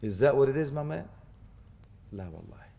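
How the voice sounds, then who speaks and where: A man preaching an animated sermon, joking and acting out little scenes with mock dialogue and Arabic phrases. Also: medium pitch, moderate pace, vocal fry, long reverb tail.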